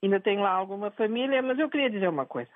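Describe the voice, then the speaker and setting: A woman's voice: medium pitch, animated, very fast, no echo. An older retired woman calling in to a TV news show, talking insistently and repeating herself as she makes her point. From Angola. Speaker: caller. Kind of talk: phone-in opinion. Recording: tinny phone line.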